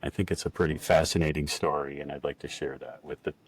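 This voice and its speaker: Very deep-voiced enthusiastic male podcast host. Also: steady tone, fast, breathy edge. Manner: enthusiastic, chatty. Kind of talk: casual podcast interview.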